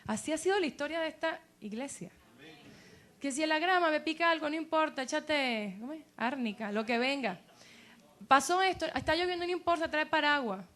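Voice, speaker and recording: High-voiced woman pastor preaching. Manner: animated preaching, voices quoted doubters in a dropped tone. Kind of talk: sermon.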